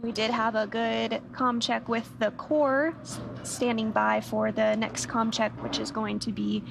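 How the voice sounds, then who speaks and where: Creaky, higher-pitched woman broadcaster. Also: level tone, measured pace. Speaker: launch webcast host. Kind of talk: live broadcast commentary. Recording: clear background noise behind broadcast.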